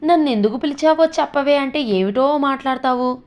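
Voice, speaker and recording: A woman's voice: a little high, animated, normal speed, a little mellow, voice pushed up, lightly acted. Woman voicing an exasperated middle-aged son. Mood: irritated. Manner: irritated, impatient. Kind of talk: storytelling with character voices.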